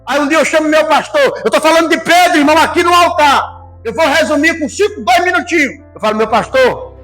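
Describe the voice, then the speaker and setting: High-voiced preacher in his fifties. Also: fairly quick, faint music behind. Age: 50s. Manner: folksy and impassioned, swings from loud to hushed. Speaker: preacher giving testimony. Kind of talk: sermon testimony.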